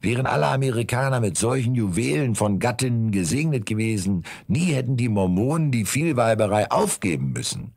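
A man's voice: medium pitch, big pitch swings, fairly quick, creaky, hardly any pauses, a little mellow, dry recording. A man narrating a humorous audiobook in a dry, ironic storytelling manner, acting out the dialogue.

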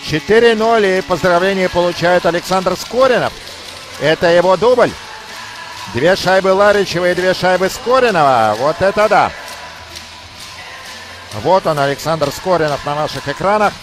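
A man doing live hockey commentary as a play-by-play announcer, emphatic and excited in his goal calls. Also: sits high, normal speed, long pauses, over music, rough recording.

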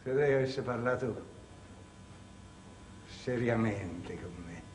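A proud, cunning clerk nursing a bitter grievance, played by a man on stage. He speaks slowly and theatrically, dropping to a hush and then rising to a shout. The sound is distant and echoey, caught from far off in a theatre with faint ambience behind. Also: mid-range voice, a little hiss or hum, close to an everyday voice. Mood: agitated. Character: proud wronged middle-aged male clerk Ciampa, bitter and cunning. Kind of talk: stage acting. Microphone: distant room mic.

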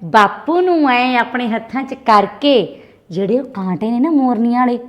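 A woman's voice: fairly high pitch, expressive, moderate pace, highs cut off, close to an everyday voice. A woman with a Malwai Punjabi accent playing a jealous, scolding younger daughter-in-law. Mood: quarrelling. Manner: quarrelsome, scolding.

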